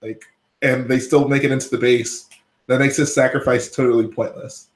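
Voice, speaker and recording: A man's voice: mid-range voice, little pitch movement, moderate pace. A man hosting a live stream, casually talking through his points and questioning his guest. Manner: questioning, talks things through. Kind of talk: casual chat. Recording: roomy room echo.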